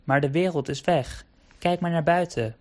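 A man voicing a curious, excited little puppy boy in a storybook. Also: a little high, normal speed, voice pushed up, lightly acted. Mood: eager.

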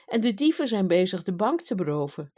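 A woman's voice: mid-range voice, big pitch swings, brisk, warm tone, husky, voice pushed up. A woman voicing a nervous, trembling storybook prime minister. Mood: panicked.

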